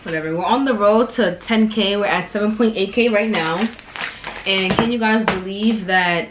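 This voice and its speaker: A young woman talks casually to her viewers between bites of food, recorded on a camera set close by on her kitchen table. Her voice sits at an ordinary pitch for a woman. A faint hum of the room stays in the background. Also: moderate pace, poor audio. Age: young adult. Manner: chatty, eats on camera between remarks. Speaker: vlogger. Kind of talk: casual chat while eating. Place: home kitchen, indoors. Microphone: camera on table at close range.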